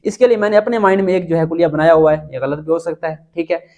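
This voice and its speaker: A man's voice: on the high side, fairly even intonation, quick pace, a little mellow. A man giving a casual spoken lesson, explaining step by step and spelling words out letter by letter. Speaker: teacher.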